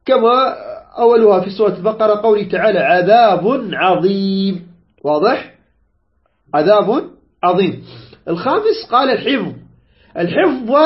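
A man teaching a tajweed lesson, repeating points, quizzing students and stretching out example words. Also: sits high. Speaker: Quran recitation teacher. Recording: dull lo-fi recording.

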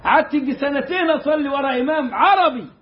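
A man with an Egyptian Arabic accent teaching Quran recitation in a casual, animated way, mimicking mistakes and drawing out the correct sounds. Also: very high voice, reverberant, dull audio. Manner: animated, mimics mispronunciations and demonstrates slow recitation. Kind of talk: casual lesson.

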